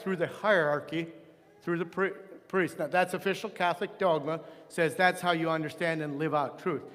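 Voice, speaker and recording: A man with a fairly high voice teaches a Sunday school class on church history. He talks in a loose, conversational way, restarting phrases and wandering into asides. The sound carries a long reverb from a church hall. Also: fairly bright tone. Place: church room.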